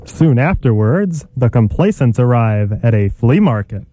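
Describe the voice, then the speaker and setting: A man's voice: medium pitch, big pitch swings, unhurried, warm tone, no room sound, faint music behind. A man playing a mock-serious announcer, narrating a parody radio serial with dramatic suspense.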